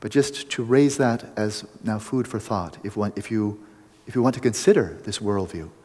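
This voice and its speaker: Husky-voiced man giving a reflective dharma talk. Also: on the low side, mellow, in a large hall. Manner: measured and reflective, often restarting phrases. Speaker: Buddhist teacher.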